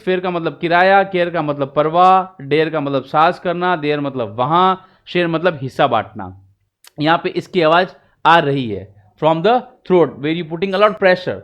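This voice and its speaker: A male English teacher with an Indian accent leads a pronunciation lesson, switching between Hindi and English. His voice sits high, and he speaks very slowly. He draws out each example word. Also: animated, fairly bright tone, dull audio. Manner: mixes Hindi and English, slow drawn-out example words.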